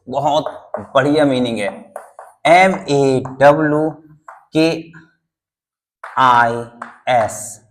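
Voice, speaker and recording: A man's voice: medium pitch, a bit bright. A man teaching English vocabulary in Hindi, repeating each word, spelling it letter by letter and quizzing his students. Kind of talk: Hindi-language classroom lesson.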